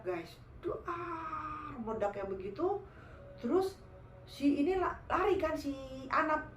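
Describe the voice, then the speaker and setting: A woman casually telling a true horror story, animated and speaking directly to her listeners. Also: a little high, roomy sound, a little hiss or hum. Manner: animated, addresses listeners as guys.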